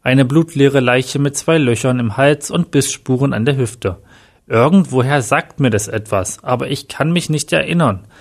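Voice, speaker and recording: A man's voice: mid-range voice, moderate pace, natural voice. A man voicing a self-assured, impatient male police detective in a read-aloud crime story. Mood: brisk. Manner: curt, impatient. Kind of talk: audiobook reading.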